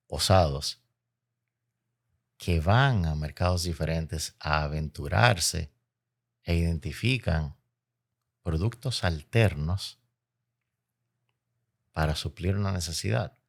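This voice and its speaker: A man's voice: low-pitched, takes it slowly, gravelly, pauses often. A man with a Dominican Caribbean Spanish accent, explaining as an interview guest in an emphatic, oratorical way, repeating phrases for effect. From Dominican Republic. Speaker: interview guest, logistics expert.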